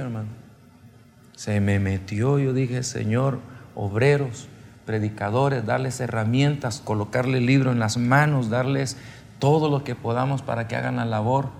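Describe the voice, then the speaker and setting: A man's voice: medium pitch, vocal fry. A man preaching at a seminar, telling his testimony with emotion and calling the listeners brothers. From El Salvador. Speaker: pastor. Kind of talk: sermon testimony. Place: church or seminar hall.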